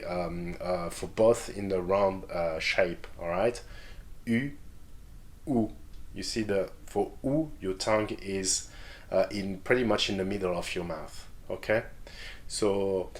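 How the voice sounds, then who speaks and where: A man teaching a beginners' pronunciation lesson in an instructional way, often checking in with his listeners. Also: sits low. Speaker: French language teacher.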